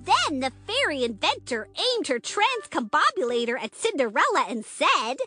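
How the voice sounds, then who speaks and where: A woman narrating a scripted children's story with animated, dramatic build-up. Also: high voice, moderate pace, soft background music.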